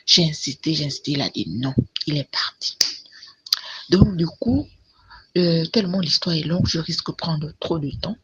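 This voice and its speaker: A woman's voice: low-pitched, lively intonation, moderate pace. A woman telling a personal testimony in a rambling, hesitant way, full of restarts. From Cameroon. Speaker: storyteller sharing a personal testimony. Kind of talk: casual spoken testimony. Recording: dull lo-fi audio with faint noise.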